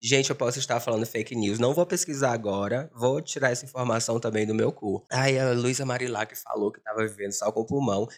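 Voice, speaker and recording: A man with a hoarse smoker's voice, hosting a casual confessional podcast in a dramatic, joking way. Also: medium pitch, fast, few pauses. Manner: dramatic, joking, self-mocking. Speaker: podcast host.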